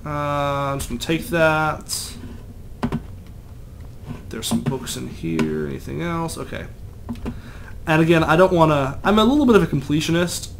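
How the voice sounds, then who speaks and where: Playing a video game, a young man keeps up loose, talkative commentary full of self-deprecating jokes. His gravelly voice is on the high side, unhurried and broken by long pauses, and there's faint noise in the background.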